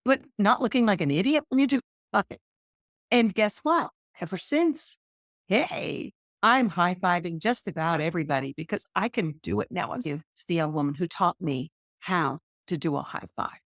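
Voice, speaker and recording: A woman's voice: no echo, studio quality. A woman hosting a podcast, telling personal stories in a chatty, self-deprecating way. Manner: chatty and self-deprecating, with lively pitch jumps. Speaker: podcast host. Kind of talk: personal storytelling monologue.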